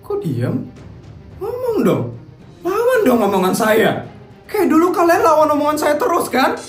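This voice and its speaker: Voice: sits high, huge pitch swings, unhurried, heavily acted. Someone voicing a gloating, taunting cartoon woman. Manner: taunting, mocking. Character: once-humiliated woman now gloating over a family. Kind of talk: cartoon voice acting. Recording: roomy echo with faint music.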